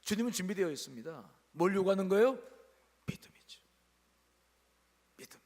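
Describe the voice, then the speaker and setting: A man's voice: high voice, expressive, normal speed, a little mellow, long reverb tail. A male pastor preaching a sermon at a church service, speaking emphatically and calling on the congregation to answer aloud.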